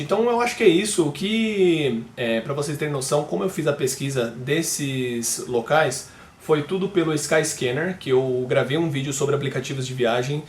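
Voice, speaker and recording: Chatty Brazilian man vlogging. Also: fairly high pitch. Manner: chatty, rambling, often checking in with the viewer. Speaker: travel vlogger. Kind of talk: casual vlog talk to camera. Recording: echoey room with faint background hum.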